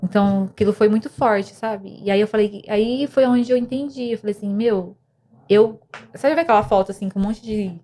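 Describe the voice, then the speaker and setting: As a podcast guest, a young woman earnestly tells an emotional personal story of faith and depression, restarting often. Her mid-range voice is mellow and moves at a moderate pace.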